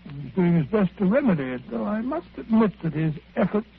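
An actor playing an earnest, good-natured doctor companion who talks chattily and a little hesitantly, in 1940s radio acting. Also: male voice, high voice, big pitch swings, a little fast, slightly rough, full character voice. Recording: tinny old radio broadcast.

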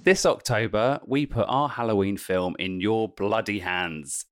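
Jokey man hosting, low voice. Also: a little slow, no echo, studio quality. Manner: jokey, punning, laughs often. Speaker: podcast host. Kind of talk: casual chat.

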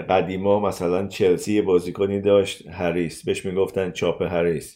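A man co-hosting a podcast, chatting casually about football with frequent fillers and chuckles. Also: low voice. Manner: relaxed, hesitant with fillers, chuckles often. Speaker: podcast co-host.

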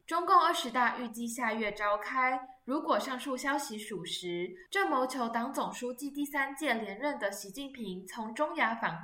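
Bright-voiced woman reporting news. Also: on the high side, reverberant. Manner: crisp, formal reading. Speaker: radio reporter. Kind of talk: scripted news narration.

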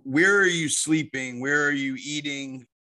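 A man's voice: on the high side, measured pace, sharp tone. A man hosting a podcast, introducing and interviewing, with a lisp that makes his s sounds slushy. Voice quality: lisping, slushy s sounds after oral surgery. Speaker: podcast host.

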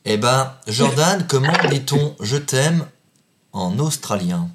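Un jeune homme qui anime un jeu entre amis en tant qu'arbitre, taquin et faussement sévère, riant souvent. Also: male voice, medium pitch, animated, slow pace, noisy background. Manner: teasing, mock-stern, laughs often. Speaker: game host and referee. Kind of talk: joking quiz banter among friends.

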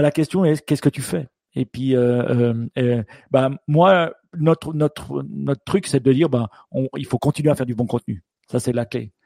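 Mellow-voiced man chatting, dry sound. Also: mid-range voice, no room sound. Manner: thinks aloud, many restarts and fillers. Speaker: podcast co-host. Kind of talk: casual chat.

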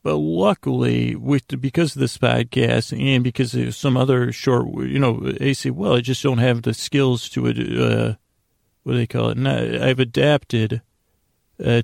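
Recorded dry with studio quality, a man hosting a podcast delivers a rambling comedic monologue in a gravelly, creaky voice of medium pitch, level and somewhat dark in tone. He halts, wanders off track and pokes fun at himself.

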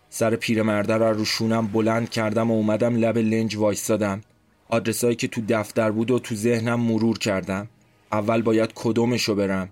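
A man narrating a first-person story as a tense inner monologue. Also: fairly low pitch. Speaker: narrator and reader. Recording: loud background music score.

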